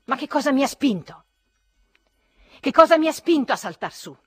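A woman's voice: high voice, very animated, moderate pace, a bit bright, voice pushed up. A woman voicing a bitter, resentful man who bursts out in fury at himself in an audiobook. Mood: furious. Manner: furious, self-tormenting outbursts. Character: bitter, resentful man narrating his own humiliation.

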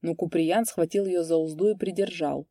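A woman narrating a literary story in a steady, even storytelling manner. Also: fairly low pitch, moderate pace, no echo, studio quality. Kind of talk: audiobook narration.

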